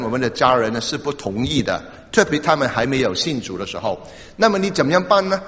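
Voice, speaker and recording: An older man preaches a storytelling sermon, his pitch animated and roaming widely. He halts and repeats words as he goes, and breaks in with small interjections. The sound is dull and lo-fi, with a long hall reverb behind it. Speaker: pastor.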